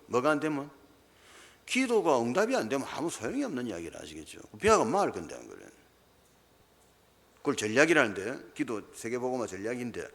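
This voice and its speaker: Male Gyeongsang-accented preacher with a lively, swooping delivery and pointed rhetorical questions, recorded with a long church-hall echo. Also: medium pitch. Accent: Gyeongsang Korean. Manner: emphatic, keeps asking rhetorical questions. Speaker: pastor. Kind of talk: sermon.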